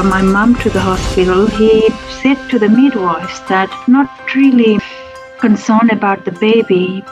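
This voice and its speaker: A woman from Nepal, a public health lecturer, telling her personal story in an interview, reflective and pausing with restarts. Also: mid-range voice, darkish tone, poor audio.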